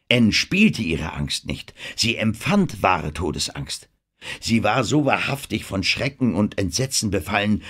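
Deep, husky man narrating. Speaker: audiobook reader. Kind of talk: scripted narration.

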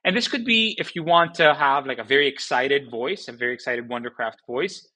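A man casually explaining software features in a tutorial, relaxed, with frequent fillers and restarts. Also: medium pitch, a little fast, poor audio. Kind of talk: casual screen-recording walkthrough.

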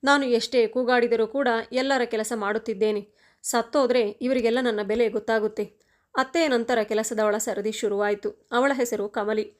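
A woman with a fairly high voice tells a first-person moral story. She narrates with feeling, giving the characters their own lines. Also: moderate pace. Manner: emotional, expressive storytelling with voiced dialogue.

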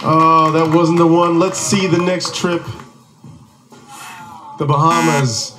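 In a large TV studio, a man hosts a game show and walks a contestant through the rules, with music and a studio audience audible behind him. His voice sits on the high side, and he speaks slowly with fairly even intonation.

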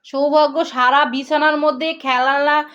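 A woman's voice: sits high, fairly even intonation, measured pace, fairly bright tone, lo-fi sound. A mother filming a casual family vlog, coaxing and teasing her child and talking to viewers. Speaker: mother and vlogger.

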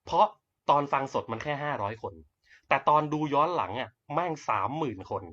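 A young man giving a blunt, brash network-marketing pitch on a livestream, swearing casually as he talks. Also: expressive, fairly quick, a bit bright. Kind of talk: live-streamed sales pitch. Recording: dull lo-fi livestream audio.

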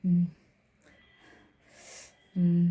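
A woman's voice: very slow, narrow, tinny audio. A middle-aged woman, chatting to the camera in a casual home vlog while doing chores with a sore, hurt hand. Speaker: home vlogger.

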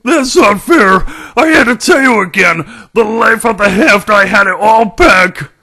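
A man voicing a belligerent, hot-tempered skunk brawler in a cartoon character demo, with a rough, gravelly voice and taunting, street-tough delivery. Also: high-pitched, a little slow, pushed and bright, heavily acted. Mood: wounded outrage. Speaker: amateur voice actor.

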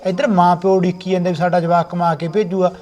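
An actor playing an earnest farmer elder brother who talks plainly and reassuringly. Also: male voice, sits high, level tone, quick pace, darkish tone, lightly acted. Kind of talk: village family drama acting.

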